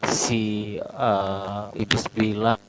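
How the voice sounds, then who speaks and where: Man, debater on a glitchy voice call with his voice dropping in and out, measured and methodical, noisy hum. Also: on the low side, flat delivery. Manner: methodical, quotes verses, hesitates with eh. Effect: voice breaking up over a bad online connection. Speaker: debater in an online voice-chat religious debate. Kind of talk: argumentative debate over a voice chat.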